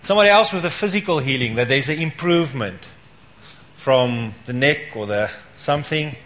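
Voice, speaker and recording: A man leads a casual church meeting, inviting testimonies and encouraging people with repeated words of praise. His medium-pitched voice is expressive and fairly bright, moving at a normal speed, with a little hiss or hum in the recording.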